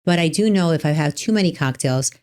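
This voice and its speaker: A trial attorney who hosts a podcast talks in a low voice, fast and warm, rambling through her points with frequent restarts and plenty of "like." The casual conversation sounds like easy talk among friends.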